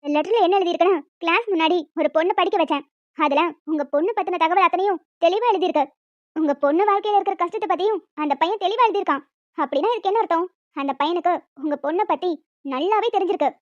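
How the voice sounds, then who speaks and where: A performer voicing a stern, snobbish schoolteacher in a cartoon, cold and haughty. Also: female voice, extremely high pitch, quick pace, no room sound. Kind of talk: cartoon voice acting. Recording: dull lo-fi dry recording.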